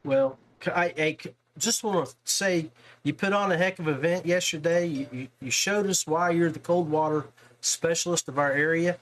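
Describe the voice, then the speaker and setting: In a casual, homespun interview, a podcast host talks fishing with a guest who enjoys it as a hobby. He speaks at normal speed in a slightly high, somewhat bright voice.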